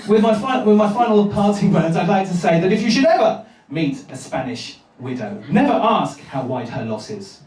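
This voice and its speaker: Rambling high-voiced male comedian. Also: normal speed, few pauses. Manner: rambling, hesitant with filler "um"s, deadpan. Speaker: stand-up comedian. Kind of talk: stand-up comedy set. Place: comedy club stage. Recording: roomy club recording from far off, audience.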